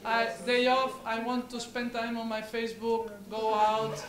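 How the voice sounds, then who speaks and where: A woman's voice: fairly high pitch, monotone, unhurried. A woman leading a workshop in a large hall, playful and coaxing, laughing often. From Spain. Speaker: workshop leader. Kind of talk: lively workshop hosting. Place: large indoor hall with an audience. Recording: echoey hall with crowd chatter.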